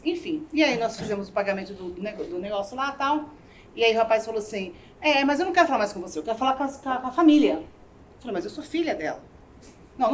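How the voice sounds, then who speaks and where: A woman's voice: a little high, slight background noise. A middle-aged woman giving a motivational talk, telling personal stories with acted-out dialogue and checking in with the audience. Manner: animated storyteller, acts out quoted dialogue; addresses audience with "né?" and "tá?". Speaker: speaker at a seminar. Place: event hall with audience.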